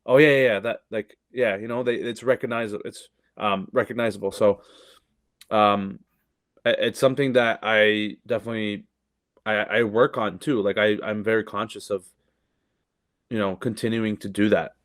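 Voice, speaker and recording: A young Canadian comedian chats casually as a podcast guest, swearing freely and loosely, with lots of fillers and frequent restarts. His voice is lowish and steady, fairly bright in tone, at a moderate pace. The studio recording is dry and clean.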